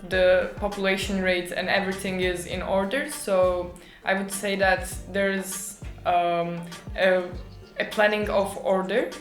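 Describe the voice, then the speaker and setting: A woman's voice: medium pitch, flat delivery, a little slow. Young Turkish-accented woman in an echoey room. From Turkey. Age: young adult. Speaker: international student being interviewed. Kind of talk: informative interview answers. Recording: roomy echo, music behind.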